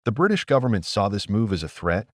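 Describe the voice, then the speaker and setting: A man giving scripted history narration as a documentary narrator, with steady storytelling delivery. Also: on the low side, fast talker, dry recording, clean studio sound.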